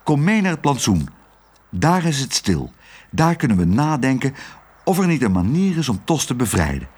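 A man voicing a cross, bossy male crow who talks quickly and scolds. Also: medium pitch, sing-song, darkish tone, husky, pitched above the performer's own voice. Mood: reassuring.

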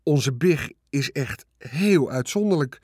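A man's voice: medium pitch, takes it slowly, husky, no room sound, studio quality, voice pushed up. Storybook farmer, middle-aged man, grave and insistent, voiced by a male narrator. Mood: excited insistent. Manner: rising to excited, insistent declaring.

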